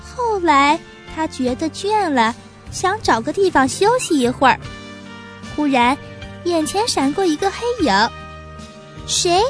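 A woman reading a children's story aloud in a gentle, expressive way. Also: high voice, unhurried. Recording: faint background music.

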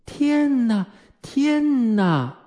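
A man's voice: high-pitched, very animated, moderate pace, dark tone, voice pushed up. A man voicing a bossy, motherly girl who plays mother to a crowd of boys and scolds them fussily. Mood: exasperated. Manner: scolding, fussy.

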